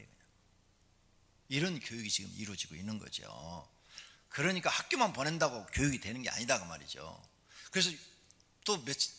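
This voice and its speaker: A middle-aged male pastor giving a lively, conversational sermon in church, full of rhetorical questions. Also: medium pitch, creaky, slightly rough. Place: church sanctuary.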